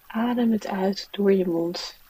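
A woman leading a guided relaxation in a soft, soothing, unhurried manner. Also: mid-range voice, slightly rough, distant mic, poor audio. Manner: soft, slow, soothing guiding delivery. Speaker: mindfulness teacher and meditation guide.

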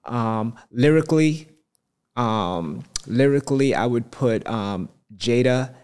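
A man's voice: mid-range voice, expressive, takes it slowly, a little mellow, clear, resonant tone. A man with a Brooklyn accent in casual podcast chat, slangy and conversational, often saying "you know". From Brooklyn, New York. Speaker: podcast guest, real estate entrepreneur.

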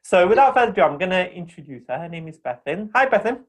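A man hosting a podcast, introducing his guest and asking questions in an upbeat, energetic way. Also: high voice, quick pace. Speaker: podcast host. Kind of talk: interview hosting.

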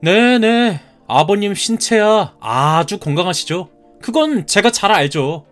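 A man's voice: high voice, sing-song, slow, a bit bright, faint music behind, exaggerated voice. A man in his thirties voicing a polite but stubborn young groom-to-be who answers back in a cartoon story. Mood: defiant. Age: 30s. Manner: polite, defiant retorts.

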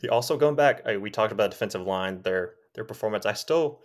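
Deep-voiced earnest co-host man. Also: a little fast. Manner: earnest, repeats himself, frequent yeahs. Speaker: podcast co-host. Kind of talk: casual sports chat.

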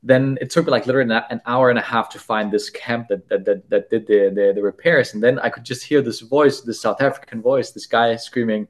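A man's voice: mid-range voice, fairly quick, hardly any pauses. A man speaking as a podcast guest, telling a story casually, often stumbling and repeating words as he goes.

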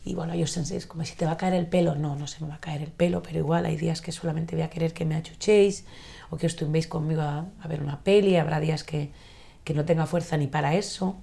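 Low, gravelly-voiced woman speaking haltingly. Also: steady tone, dark tone. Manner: hesitant, halting, reflective. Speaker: podcast guest. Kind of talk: emotional personal conversation. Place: home kitchen.

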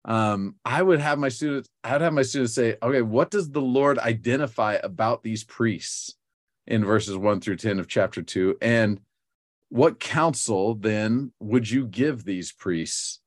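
A man co-hosting a casual scripture teaching discussion, thoughtful and halting, with many restarts. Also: medium pitch, no echo, studio quality.

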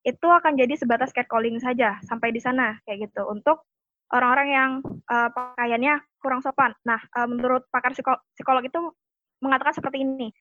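Brief: female panelist, high pitch, dry and lo-fi recording. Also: steady tone, quick pace, fairly bright tone, dry recording. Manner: explains by citing an expert, polite apologies. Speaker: discussion panelist. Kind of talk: explanatory discussion.

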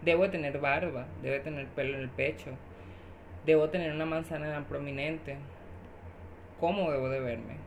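A woman's voice: deep voice, normal speed, a little hiss or hum. A woman guest on a podcast, speaking emphatically and often agreeing with the host, stacking up repeated phrases. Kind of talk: casual podcast conversation.

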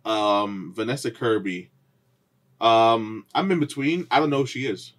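A man co-hosting a casual podcast, teasing his partner and laughing often, sometimes dropping to a low mutter. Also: a little slow. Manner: teasing, laughs a lot, drops low and quiet. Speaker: podcast co-host. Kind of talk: casual chat.

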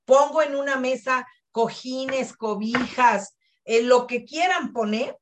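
A woman, explaining emotional release exercises as a guest, lively and acting out what clients tell her. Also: high voice, takes it slowly, slight background noise. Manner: animated, acts out client quotes. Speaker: guest therapist.

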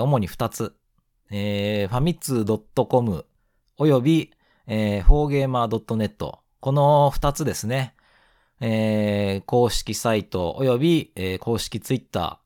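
Low, nasal, congested man hosting a podcast. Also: darkish tone, no room sound, clean studio sound. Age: around 40. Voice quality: nasal, stuffed-up voice. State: congested from hay fever. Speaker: podcast host. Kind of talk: casual solo gaming podcast talk.

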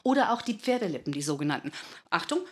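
A woman in her fifties giving lively, demonstrative advice as a speaking coach in a studio talk. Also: fairly low pitch, fast, slight background noise. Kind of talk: instructive advice in a talk show.

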